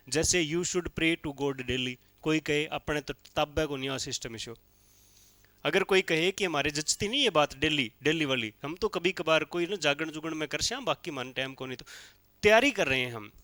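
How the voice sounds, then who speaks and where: A man with a high, bright voice teaches English grammar in a lecture style. He speaks English with a Hindi accent and slows right down for each example sentence. The recording is dry and close. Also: no echo. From India. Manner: explains step by step, reads English examples slowly. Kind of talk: classroom lecture.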